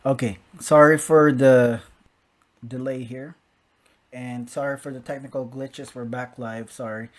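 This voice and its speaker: A man's voice: medium pitch, fairly even intonation, a little slow. A man hosting a live-streamed interview show, apologetic and flustered by technical glitches. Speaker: host.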